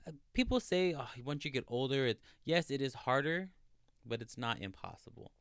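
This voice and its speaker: A man's voice: mid-range voice, expressive, moderate pace, fairly bright tone, smooth, no room sound, studio quality. A man in his thirties co-hosting a podcast, telling stories in a chatty, earnest way with many fillers. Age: 30s. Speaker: podcast co-host. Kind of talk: casual chat.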